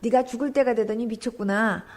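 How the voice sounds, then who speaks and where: A woman's voice: on the high side, steady tone, a little fast, a little mellow, voice pushed down, lightly acted. A woman pastor voicing her stern, angry mother scolding her in a testimony. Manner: harsh, scolding.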